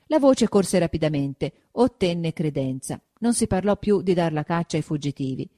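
A woman giving an expressive, dramatic audiobook reading of a classic novel. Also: lowish voice, moderate pace. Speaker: narrator.

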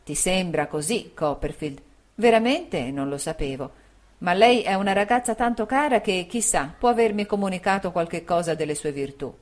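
A woman's voice: lowish voice, expressive, normal speed, natural voice. A woman reading the part of a shy, earnest young man who speaks in a hesitant, thoughtful way in an audiobook.

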